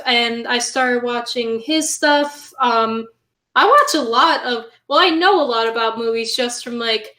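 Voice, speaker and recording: A woman's voice: a little high, sharp tone. A woman chatting casually and playfully as a guest. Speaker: horror host guest. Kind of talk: casual chat. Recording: roomy, echoing sound.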